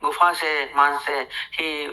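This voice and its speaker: A woman's voice: low voice, level tone, extremely slow, pushed and bright, heavily acted, rough recording. A woman voicing a frightened lion in a told fable, anxious and pleading as he recounts the threat. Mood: worried. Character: frightened lion fleeing in panic.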